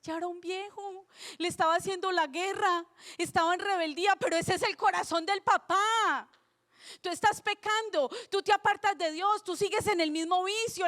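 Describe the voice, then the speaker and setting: A woman preaching a sermon in Spanish, retelling a story dramatically and voicing its characters. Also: very high voice. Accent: Latin American Spanish. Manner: dramatic, acts out the characters' lines. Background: soft music.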